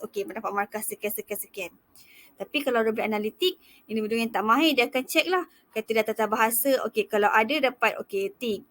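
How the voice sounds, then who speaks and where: A young woman student teacher explaining a topic in a casual lecture style, chatty and relaxed, often pausing to begin again. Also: on the high side.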